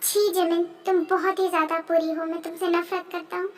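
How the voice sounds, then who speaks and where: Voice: extremely high pitch, moderate pace, a bit bright, soft background music. A woman reading the part of a possessive young husband in a fan story. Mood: hushed scorn. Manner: pleading, then cold and contemptuous. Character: possessive young husband, pleading then scornful.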